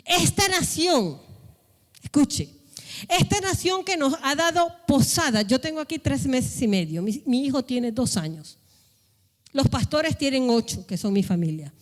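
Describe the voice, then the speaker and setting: A woman pastor delivers a sermon in a church hall, her voice sitting high and her pace measured and deliberate. She leans on rhetorical questions and now and then lifts into a raised call. Her words carry a long reverberant tail from the room. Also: animated. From Latin America. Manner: preaching with rhetorical questions and shouted calls.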